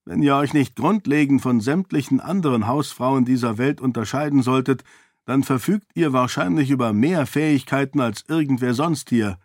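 A man voicing a quick-witted young nobleman who talks in a pressing, commanding way, read as an audiobook character. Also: mid-range voice, darkish tone, no echo, studio quality, voice pushed up, lightly acted. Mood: urgent.

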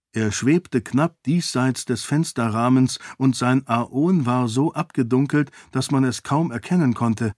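A man narrating a fantasy novel in calm, even audiobook style. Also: mid-range voice, breathy edge, no echo, clean studio sound. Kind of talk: scripted narration.

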